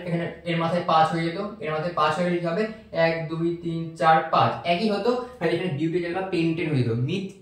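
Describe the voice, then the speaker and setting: A man teaching a recorded chemistry lesson, patiently repeating each step and checking that students follow. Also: fairly high pitch. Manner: patient, repeats steps and asks checking questions. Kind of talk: recorded online lecture. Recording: echoey room.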